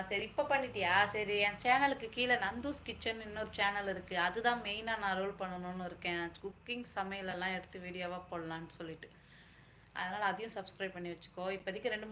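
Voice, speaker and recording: Bright-voiced woman hosting a live stream. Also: mid-range voice, slight background noise. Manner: teasing and affectionate, calls viewers dear. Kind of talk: casual live-stream chat answering viewers.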